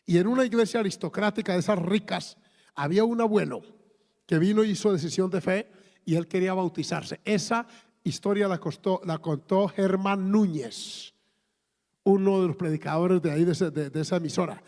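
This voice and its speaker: A man's voice: high voice, normal speed, darkish tone. A man in his fifties with a Colombian accent, preaching a sermon emphatically, with exclamations and repeated words. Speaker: pastor. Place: church hall. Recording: long reverb of a church hall.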